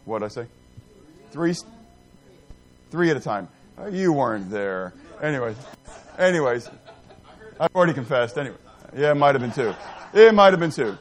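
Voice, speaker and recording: Teaching a Bible class, this middle-aged man speaks at medium pitch and normal speed, leaving long pauses. He's animated and self-deprecating, wandering off topic while quizzing his group and joking with them.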